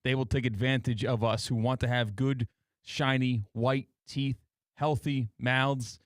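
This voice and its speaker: A man's voice: medium pitch, steady tone, a little slow, no room sound, studio quality. An American man chatting casually as a co-host on a radio show. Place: radio studio.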